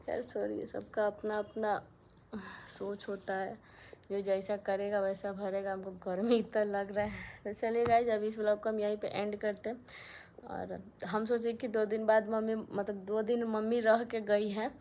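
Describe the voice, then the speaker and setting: A young woman chats on her phone camera in a small room at home, speaking straight to her viewers in a casual, aggrieved way. Her voice sits at an ordinary pitch for a woman. A faint hum of room noise is heard behind her. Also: flat delivery, measured pace, warm tone. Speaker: vlogger. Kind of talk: casual vlog chat to viewers. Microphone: phone camera held close.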